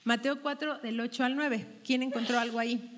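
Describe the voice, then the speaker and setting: A woman's voice: a little high, steady tone, normal speed, slight background noise. A woman teaching a women's Bible study group, asking questions and checking their answers. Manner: asks the group questions and tags them with "¿verdad?". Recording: long hall reverb.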